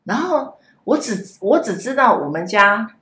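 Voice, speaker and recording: A woman telling a personal story in a casual podcast chat, halting and repeating words as she goes. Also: a little high, very animated, fairly bright tone. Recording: roomy echo, faint background hiss.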